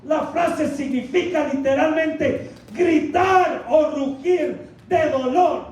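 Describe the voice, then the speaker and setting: A man's voice: very high-pitched, slow pace, a little mellow, far from the mic. A male Pentecostal pastor preaching a fervent sermon, often calling out to the congregation as brothers and crying hallelujah. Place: church. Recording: echoey hall miked from afar, faint noise.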